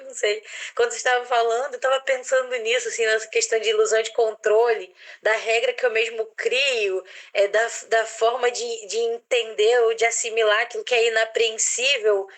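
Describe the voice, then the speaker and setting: Hesitant Brazilian woman, slightly high voice. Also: a bit bright. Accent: Brazilian Portuguese. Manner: hesitant, searching for words, many restarts. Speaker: participant in a psychoanalysis online discussion. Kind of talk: casual reflective discussion.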